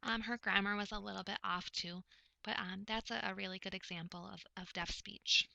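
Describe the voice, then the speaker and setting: A woman giving a recorded lecture, explaining topics step by step in a measured way with frequent pauses. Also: medium pitch, fairly even intonation, gravelly, pushed and bright, rough recording. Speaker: presenter explaining speech of the hard of hearing.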